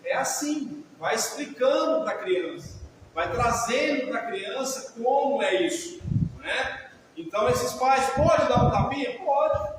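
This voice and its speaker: High-voiced Brazilian man in an echoing hall. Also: animated, slow. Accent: Brazilian Portuguese. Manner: conversational, asks the audience questions. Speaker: lecturer on emotional healing. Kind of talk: live talk to an audience. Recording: echoey hall, far from the mic, faint hiss.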